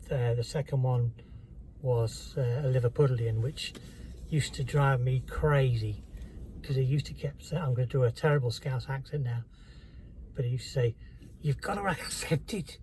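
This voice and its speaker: A man telling a personal story to camera in a halting, candid, reflective way. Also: mid-range voice, mellow, a little hiss or hum, low-quality recording. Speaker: vlogger.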